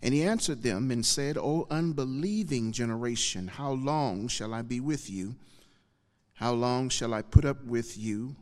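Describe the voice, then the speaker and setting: A man preaching and reading scripture as a pastor at a pulpit microphone, in a measured, deliberate way with pauses between phrases. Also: medium pitch. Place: large church sanctuary. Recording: long hall reverb from church PA.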